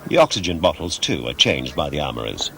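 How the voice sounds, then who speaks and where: A low-voiced man reads scripted documentary narration in a measured, formal, precise way, with a sing-song, pushed and bright quality. The recording is noisy, and a vehicle-like rumble runs underneath.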